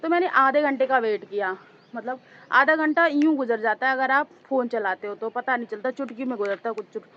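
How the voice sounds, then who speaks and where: A woman vlogger with a hoarse, sore throat, chatting casually and rambling to her viewers as she records outdoors on a two-storey house with a handheld phone. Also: sits high, a little fast, a bit bright, highs cut off. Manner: rambling, talks straight to viewers as "guys".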